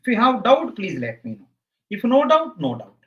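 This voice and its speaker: High-pitched, animated South Indian man lecturing. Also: moderate pace, lo-fi sound. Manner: emphatic, repeats phrases over and over. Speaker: exam coaching teacher. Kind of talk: live online lecture.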